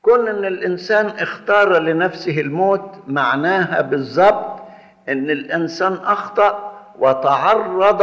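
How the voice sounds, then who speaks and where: A man with an Egyptian Arabic accent preaching a sermon, arguing his points in a measured, explaining way. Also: on the high side. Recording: echoey hall, dull lo-fi sound.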